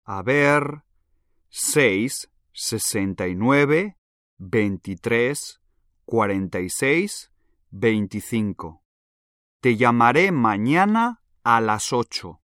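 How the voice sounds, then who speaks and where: A man playing a friendly twenty-six-year-old in a scripted language-exam dialogue, speaking slowly and clearly. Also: mid-range voice, animated, fairly bright tone, dry recording, studio quality. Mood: casual. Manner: slow, clearly spaced delivery.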